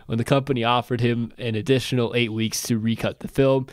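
A man's voice: medium pitch, level tone, fairly quick, no echo. A man co-hosting a podcast who reads a passage aloud with many hesitant fillers and a dry, sarcastic edge. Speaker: podcast co-host. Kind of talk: casual film discussion, reading aloud.

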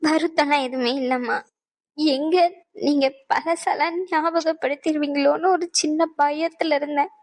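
A woman voicing a young mother in a cartoon who speaks softly and haltingly, full of gratitude. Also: high-pitched, steady tone. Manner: soft, halting, emotional. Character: young mother, grateful and tearful. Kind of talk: cartoon voice acting.

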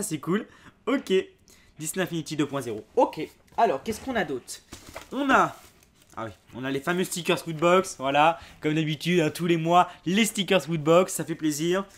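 A young man chatting casually as he unboxes a subscription box, excitable and quick to exclaim and laugh. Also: sits high, a little hiss or hum.

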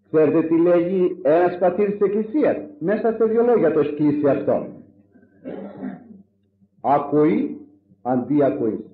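A man preaching a sermon in an animated, rhetorical way, swinging from loud exclamations to low asides. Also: long pauses. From Greece. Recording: echoey, phone-like lo-fi recording.

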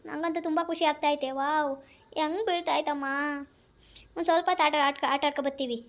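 A woman doing a cheeky little kid, high-pitched. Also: fairly even intonation, fast talker. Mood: pleading, excited. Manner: pleading, teasing, talks back. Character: cheeky young child, defiant and playful. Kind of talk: comedy skit.

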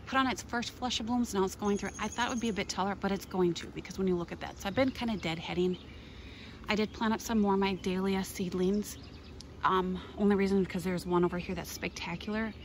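Recorded on a handheld phone, a Minnesota gardening vlogger eagerly chats her way around her outdoor garden, pointing things out. Her middle-pitched voice is quick with fairly even intonation, and faint birdsong and outdoor air sit softly behind her, along with a little hiss or hum.

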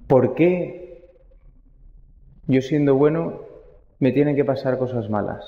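Priest preaching in an echoing church. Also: male voice, medium pitch, lo-fi sound. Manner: conversational, asks the congregation questions. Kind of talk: homily.

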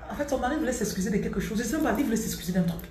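A woman telling her own life story in a motivational vlog, animated and repeating words for emphasis, dropping English phrases into her talk. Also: a little high, rapid-fire. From Central Africa. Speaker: motivational vlogger. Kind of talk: personal storytelling monologue. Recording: roomy with faint background noise.

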